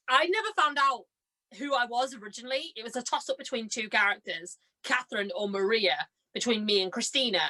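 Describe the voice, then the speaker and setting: A young woman with a slightly high voice guests on a podcast, where she, a stage and radio drama performer, tells anecdotes in casual chat. She's an animated storyteller, giggly and self-deprecating, who performs the dialogue she reports.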